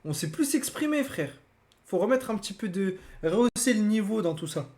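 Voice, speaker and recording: A man's voice: high voice, sing-song, normal speed, a little mellow. Slangy young man streaming. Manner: slangy, laughing, repeats himself. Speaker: streamer reacting to a video. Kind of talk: casual live-stream reaction.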